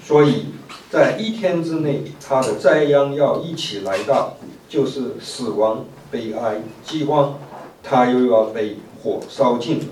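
A man reading scripture aloud in a steady, measured way. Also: mid-range voice. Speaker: scripture reader. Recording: roomy, distant mic with faint noise.

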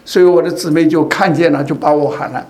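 High-voiced man preaching conversationally. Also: fairly even intonation, fast talker, darkish tone. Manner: conversational, often asks the congregation rhetorical questions; tells personal stories to make a point. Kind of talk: sermon.

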